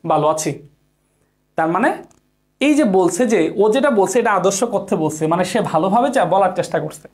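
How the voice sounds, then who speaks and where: A man's voice: sits high, lively intonation, normal speed. A man giving an online exam-prep lecture, who asks the class questions and answers them himself, repeating key points and mixing in English words. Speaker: teacher.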